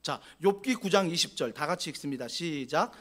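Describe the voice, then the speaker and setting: A man preaching in a church, his voice high and swinging widely as he moves between quoted lines and questions to the congregation. He sounds animated and keeps asking the room to answer. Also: fairly quick. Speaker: pastor. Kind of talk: sermon. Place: church sanctuary.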